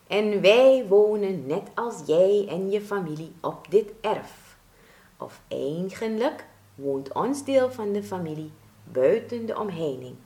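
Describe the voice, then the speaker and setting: A woman's voice: medium pitch, lively intonation, slow, dark tone. A woman voicing a friendly family of grass blades who whisper in rhymes in a storybook. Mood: welcoming. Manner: sing-song whispering, rhyming. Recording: roomy echo.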